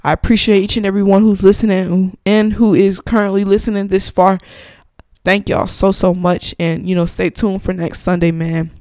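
A woman's voice: mid-range voice, flat delivery, normal speed, darkish tone, no echo, clean studio sound. A young adult woman hosting a podcast, telling a story in a blunt, casual style with lots of cursing. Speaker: podcast host.

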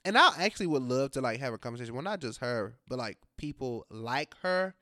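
A podcast co-host in casual chat, relaxed and trailing off in hesitant restarts. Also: mid-range voice, fairly quick.

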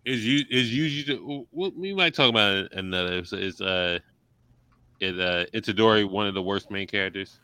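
Male panel host, lowish and punchy, opinionated, blunt, loose with profanity, conversational. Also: a little fast, sharp tone, clean tone. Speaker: discussion host. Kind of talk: casual group chat.

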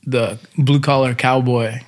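A man's voice: medium pitch, steady tone, unhurried. A man from Texas with an American accent, chatting casually and slangily as a show co-host. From Texas, United States. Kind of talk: casual chat.

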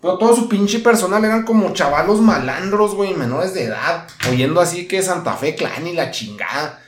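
A man's voice: high voice, animated, normal speed, reverberant. A man with a northern Mexican accent hosting a podcast, ranting casually in profane slang. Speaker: podcast host. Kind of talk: casual comedic rant.

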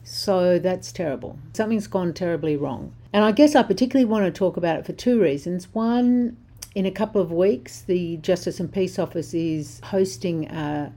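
With a warm, lowish voice at a moderate pace, an older woman hosts a social justice talk. She's losing her voice yet speaks bluntly and with passion, keeping it conversational.

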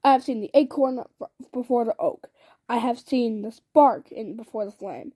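A woman reading the lines of a stern, otherworldly tall man in a storybook, speaking in a solemn, measured way. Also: a little high, mellow, no room sound, natural voice. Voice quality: oddly accented.

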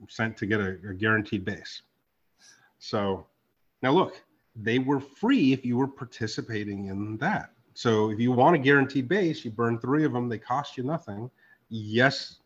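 A man hosting a casual podcast chat, animated and profane, swinging from loud outbursts to low asides. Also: muffled recording. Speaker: podcast host and card artist.

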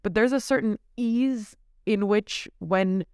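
A woman's voice: medium pitch, slow pace, a little mellow, clean tone, no room sound, studio quality. A woman born in India whose first language is Marathi, co-hosting a podcast in reflective, rambling chat. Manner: reflective, rambling, questions to the listener. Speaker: podcast co-host. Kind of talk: casual chat.

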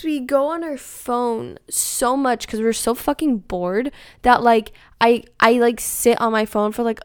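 A woman's voice: medium pitch, clean tone, no echo, clean studio sound. A young woman vlogging from home in a casual, rambling way, filling nearly every phrase with "like". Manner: rambling, filler-heavy, says "like" constantly. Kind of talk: casual confessional chat.

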